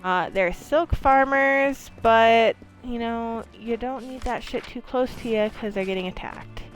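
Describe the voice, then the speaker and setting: A woman's voice: on the high side, measured pace, faint music behind, low-quality recording. A young woman from Maine, a streamer, chatting casually and swearing freely while she plays a game. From Maine, USA. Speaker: livestreamer.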